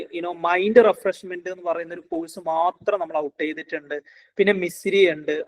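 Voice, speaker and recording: A man giving a parenting class, acting out a harsh and then a gentle parent talking to a child. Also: high-pitched. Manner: acts out scolding and tender parent lines in a coaxing voice. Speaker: parenting trainer. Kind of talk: online class lecture.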